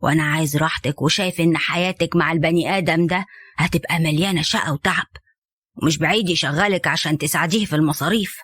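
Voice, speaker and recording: A woman's voice: sits low, steady tone, quick pace, a bit bright, husky, no echo, studio quality, voice pushed down. A woman voicing a stern older father who bluntly forbids his daughter's marriage, with an Egyptian accent. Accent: Egyptian Arabic.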